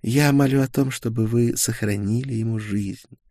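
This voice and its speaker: A man's voice: mid-range voice, animated, moderate pace, a little mellow, no room sound, clean studio sound, voice pushed up, natural voice. A man reading an audiobook, voicing a proud young witch with a silky, mockingly polite and scornful manner. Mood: scornful politeness. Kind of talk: audiobook character voice.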